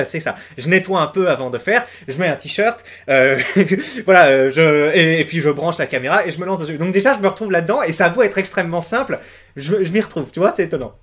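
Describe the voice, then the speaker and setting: A man's voice: on the high side, a bit bright, husky. A young man giving casual commentary on a music video from his room at home, hesitant, with many fillers and restarts. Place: room at home with the door closed.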